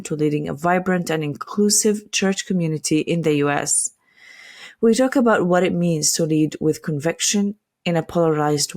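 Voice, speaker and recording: Low-voiced woman hosting an interview. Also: a little mellow. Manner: measured, scripted intro then hesitant questions. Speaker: podcast host. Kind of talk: introduction and interview.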